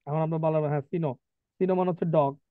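A man's voice: on the high side, fairly even intonation, fast, no echo. A man teaching an online vocabulary class, drilling spellings and pronunciation with chatty asides. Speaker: English teacher. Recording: tinny dry online call.

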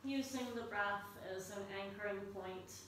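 A woman leading a yoga class as the instructor, in a calm, unhurried, soothing guiding delivery. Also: mid-range voice. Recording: echoey room, distant mic, faint noise.

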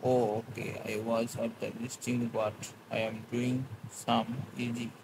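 A man speaks slowly and at an ordinary pitch, chatting with viewers on a live stream. His English is halting and broken, full of restarts as he answers comments. Clear background noise fills the room around him. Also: flat delivery. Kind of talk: casual live-stream chat.

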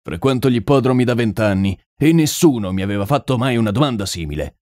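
A man's voice: medium pitch, expressive, fast talker, a little mellow, dry recording, clean studio sound, natural voice. A man voicing a stern, proud older colonel who owns a racehorse, cold and clipped in manner. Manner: cold and clipped, then agitated.

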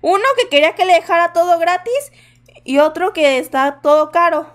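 Woman doing a rude, grumbling shop clerk for a game, very high-pitched and scornful. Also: normal speed. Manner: scornful, complaining.

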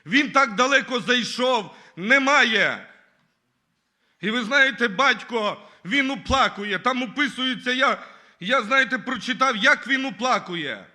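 A man's voice: extremely high pitch, lively intonation, measured pace, pushed and bright. A man giving his testimony at a church service, earnestly reading scripture and often calling the listeners brothers and sisters.

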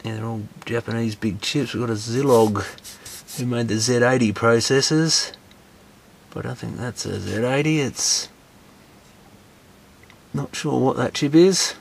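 A little slow and pausing often, a man with a gravelly, mid-range voice casually dismantles a computer at his indoor workbench. This electronics repair host thinks out loud and hedges what he guesses.

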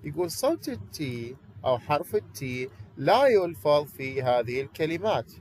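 Lively Iraqi teacher explaining. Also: male voice, on the high side, moderate pace, a little hiss or hum, low-quality recording. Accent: Iraqi Arabic. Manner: asks questions and answers them himself. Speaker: English teacher. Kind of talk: online class lecture.

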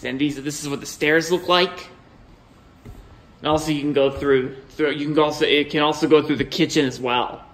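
A young vlogger with a slightly high, fairly bright voice gives a casual tour of his new house, filming on a handheld phone held off screen as he walks room to room. He keeps a steady tone at a normal speed, rambling with lots of repeated words and restarts.

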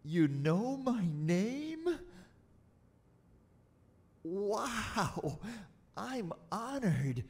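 A jumpy, husky young reporter. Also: male voice, high voice, big pitch swings, extremely slow, long pauses, exaggerated voice. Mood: awkward. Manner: stilted, swinging from mumbling to sudden shouting. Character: eager male TV reporter Brisco, jumpy and excitable. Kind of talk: game voice acting.

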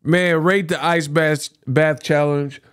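A reaction video host in his thirties takes it slowly, his voice on the high side, a bit bright, with fairly even intonation. He sits indoors in a small home studio at a close microphone on a stand, delivering teasing, colloquial remarks he often repeats.

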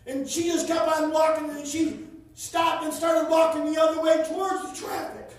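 A man preaching a sermon, telling a story with rising passion until he shouts. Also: very high-pitched, flat delivery, moderate pace. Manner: impassioned, builds to shouting. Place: church sanctuary. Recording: echoey church from far off.

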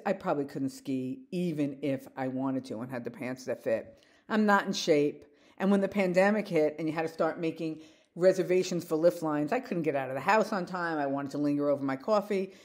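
Expressive woman in her sixties, mellow voice. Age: 60s. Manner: animated, gestures with her hands, shifts between upbeat and low wry asides. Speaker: vlogger. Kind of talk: reflective personal monologue. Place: living room with windows, indoors. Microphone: phone camera held close, looking down at her.

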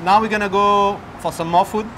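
A man's voice: high voice, steady tone, brisk, background noise. Upbeat French-accented man through a face mask. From France. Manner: upbeat, enthusiastic. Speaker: chef and food tour host. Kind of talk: casual food tour chat. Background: loud music.

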